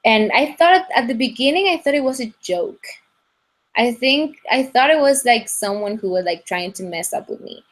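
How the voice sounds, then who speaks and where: A young woman from Ecuador, speaking in a halting way with many restarts and fillers during a casual video-call interview. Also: fairly high pitch, expressive. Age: young adult. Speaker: guest singer.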